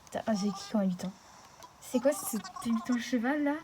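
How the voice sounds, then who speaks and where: A young woman talking fast and casually in slangy chat while commenting on her gameplay. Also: on the high side, background noise. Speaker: gaming video creator.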